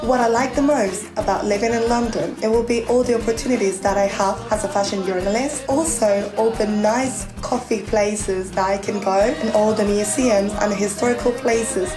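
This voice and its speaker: A woman's voice: mid-range voice, steady tone, normal speed, few pauses. A woman from Spain, a student, speaking with enthusiasm in a documentary interview. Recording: roomy echo with music behind.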